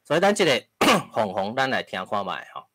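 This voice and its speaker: A man's voice: medium pitch, very animated, a little fast, bright, forceful tone, dry recording. A man with a Taiwanese accent giving a lecture to an audience, explaining point by point with frequent tag particles and the odd cough. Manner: occasional coughs and throat clearing. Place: lecture hall with live audience.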